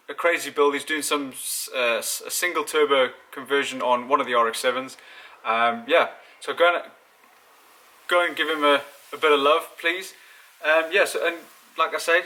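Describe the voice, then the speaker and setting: A car vlogger, born in South Africa and raised in Zimbabwe, talks casually and self-deprecatingly while working on his car in the home garage. His voice runs high, pushed and bright.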